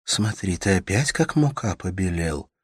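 A man voicing a gentle, caring young woman in an audiobook, in a soft, soothing, sing-song manner. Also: deep voice, expressive, measured pace, breathy edge, no room sound, clean studio sound, heavily acted. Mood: storytelling. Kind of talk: audiobook character voice.

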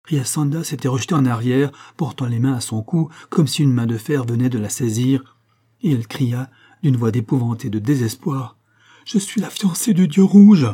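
Man reading an old adventure book, mellow husky voice, steady and dramatic. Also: medium pitch. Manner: measured, dramatic storytelling. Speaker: audiobook reader. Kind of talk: literary audiobook narration.

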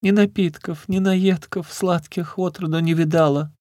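A frail old beggar woman wails and pleads in a high, thin voice, as a man puts her on. Her lament is plaintive and pitiful. The sound is dry and close. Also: steady tone, normal speed, darkish tone, dry recording, lightly acted. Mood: wailing plea.

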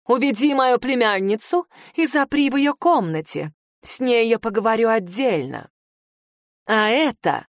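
A woman's voice: on the high side, animated, unhurried, no room sound, clean studio sound. A woman voicing a haughty aristocratic aunt who shrieks with venomous contempt, in an audiobook reading. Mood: commanding rage. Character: furious haughty aristocratic aunt, shrill and scornful.

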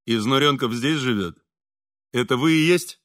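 A stern, self-assured swindler, as a man voices him in an audiobook reading, lower than the narration and curt in every order. The voice stays bright and forceful in a dry, close sound. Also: normal speed, no room sound, lightly acted. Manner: curt, commanding. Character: stern, confident male swindler.

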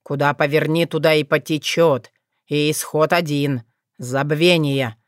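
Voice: mid-range voice, fairly even intonation, measured pace, no echo, studio quality, natural voice. A reader voicing a spiteful, half-mad old male forest spirit who snarls and gloats. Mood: gloating.

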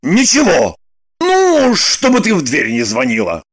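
A woman voicing an angry, scheming young man in an audiobook, with gruff, scornful shouting. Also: sits low, wildly swooping pitch, a little slow, full character voice. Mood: sly. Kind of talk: audiobook narration with voiced characters.

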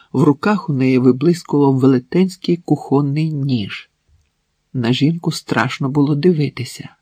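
A man narrating an audiobook in a measured, even storytelling manner. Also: medium pitch, husky, dry recording. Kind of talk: scripted narration.

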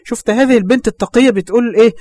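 A man's voice: high voice, fast talker, darkish tone, dry recording. A man with an Egyptian accent giving a religious lesson as a story, fervent and speaking straight to his listeners. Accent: Egyptian Arabic. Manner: fervent, addresses listeners directly, exclaims often. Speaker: Islamic preacher.

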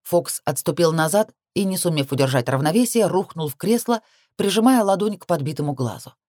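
A woman reads a first-person novel aloud, keeping a steady pace that lifts sharply on tense phrases. Her voice is low and dark. The recording is dry and close. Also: fairly quick, no echo. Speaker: audiobook narrator. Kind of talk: first-person audiobook narration.

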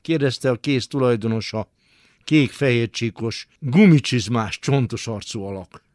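A man reading a literary story aloud for radio in a radio studio, with dramatic, expressive delivery. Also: mid-range voice, no echo. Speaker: narrator.

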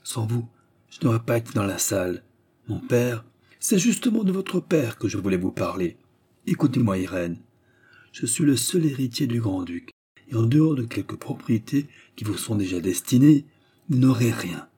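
A man's voice: mid-range voice, very animated, moderate pace, warm tone, slightly rough. A man reading an audiobook voices a scheming prince and police chief who speaks in a cold, ironic, cynical way.

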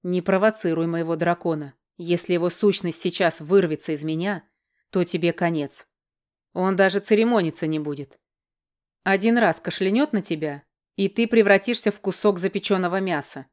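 A woman reading an audiobook, voicing a hot-tempered young male dragon-shifter prince who speaks gruffly and commandingly. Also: on the low side, normal speed, natural voice. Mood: menacing. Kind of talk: audiobook character voice.

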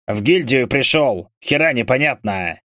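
A man's voice: medium pitch, expressive, measured pace, pushed and bright, no echo, studio quality. A man voicing a grumpy, foul-mouthed male berserker who grumbles and curses. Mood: irritated. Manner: coarse, swearing, grumbling.

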